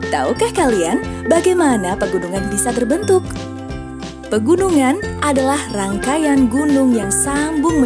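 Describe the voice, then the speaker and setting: A woman narrating an educational cartoon for children, friendly and asking the young audience questions. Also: on the high side. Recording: music playing behind.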